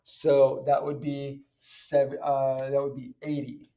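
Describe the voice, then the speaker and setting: Slow and fairly flat, his medium-pitched voice dark in tone, a chemistry teacher explains worked examples step by step from a distance. The lesson is informal, and he poses questions only to answer them himself.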